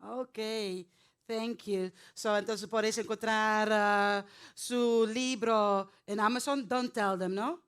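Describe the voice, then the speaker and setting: A woman hosting a poetry event, friendly and unhurried, with hesitant fillers as she speaks. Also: medium pitch, steady tone, clear, resonant tone. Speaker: event host.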